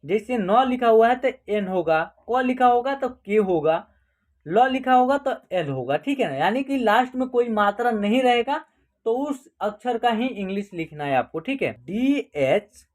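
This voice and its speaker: A woman's voice: fairly high pitch, lively intonation, normal speed, darkish tone. A woman teaching an online class, explaining step by step and asking questions that she then answers herself.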